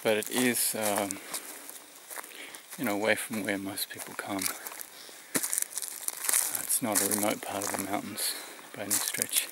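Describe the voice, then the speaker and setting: Breathless, gravelly Australian man. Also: lowish voice, flat delivery. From New South Wales, Australia. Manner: halting, reflective. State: short of breath, tired. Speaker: vlogger. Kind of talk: unscripted vlog to camera. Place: outdoors in the mountains. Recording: noisy outdoor recording, rural background sounds.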